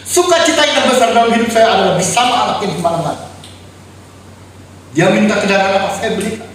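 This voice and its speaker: Preacher, male, very high voice, impassioned grief, recorded far off in an echoey room. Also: fast. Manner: grieving, cries out and shouts in anguish; addresses listeners as brothers and sisters. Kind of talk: emotional sermon testimony. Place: apartment worship room. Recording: very echoey room, distant mic, faint noise.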